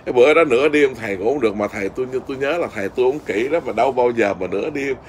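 Over slight background noise, a middle-aged Buddhist monk with a Southern Vietnamese accent relates a story conversationally at an ordinary male pitch. He wanders as he talks, with plenty of fillers and restarts.

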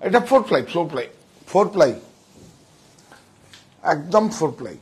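Recorded through a wireless mic clipped to his chest, this man demonstrates his sarees in an indoor shop showroom in a casual, emphatic way, frequently repeating himself. He has a slightly rough voice, a little high, with lively intonation at normal speed.

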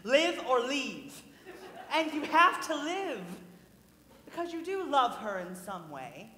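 A woman's voice: high voice, sing-song, takes it slowly, sharp tone, a little hiss or hum, exaggerated voice. A woman playing a lonely middle-aged male theatre fan, confiding in the audience on a live stage. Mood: rueful. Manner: confiding, wistful storyteller asides. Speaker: stage actor. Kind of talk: live stage musical acting. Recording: reverberant theatre hall.

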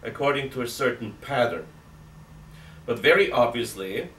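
This is a middle-aged male priest reasoning aloud in a seated catechism talk, punctuated by emphatic rhetorical questions and two-handed gestures. His mid-range voice is animated and a bit bright, at a moderate pace. He's in an indoor room with an armchair, recorded far from the mic in roomy audio with faint hiss.

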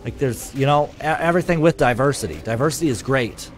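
A man's voice: medium pitch, expressive, fairly quick, faint music behind. A man live streaming, chatting casually with his viewers, swearing freely and reading their comments aloud. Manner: loose, profane, reads chat comments aloud.

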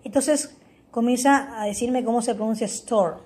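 A woman with a slightly high, husky voice guides viewers through an app tutorial. She explains each step patiently, reads example words aloud, and keeps checking in with a quick "ok?". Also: a little mellow. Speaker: tutorial host.

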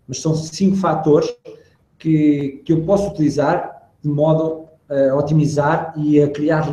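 A man with a European Portuguese accent, a body language expert explaining in an animated way on a video call. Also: medium pitch. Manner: animated, demonstrates tones and pauses. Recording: roomy video call audio.

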